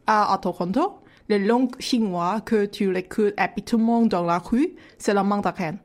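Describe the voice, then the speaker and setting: A Cantonese-speaking woman works as a radio columnist, explaining things carefully in second-language French with a Cantonese accent and lots of hesitant "euh" fillers during a radio segment chat. Her mid-range voice has a darkish tone and a normal pace.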